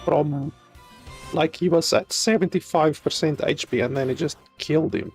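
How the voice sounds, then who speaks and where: A man's voice: fairly high pitch, moderate pace, darkish tone, husky, faint music behind. A man giving casual gameplay commentary, offhand and swearing freely, sometimes reading game text aloud. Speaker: video game streamer playing and commenting.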